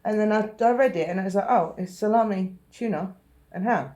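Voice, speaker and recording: A woman's voice: medium pitch, warm tone. A woman from London chatting casually with a friend on a vlog, recounting trip details. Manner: chatty, quick interjections. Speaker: vlogger. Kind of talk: casual chat.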